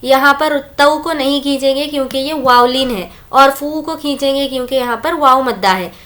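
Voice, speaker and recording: A woman teaching tajweed, reciting Quranic words slowly and drawn out, then explaining each rule in plain Hindi-Urdu speech. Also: sits high, a bit bright. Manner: slow drawn-out recitation between quick explanations. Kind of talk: word-by-word recitation lesson.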